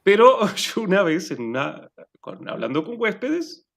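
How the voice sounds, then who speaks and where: A man's voice: sits high, very animated, normal speed, vocal fry, a bit bright. A man making a casual comment on a panel, speaking hesitantly with many "eh" fillers.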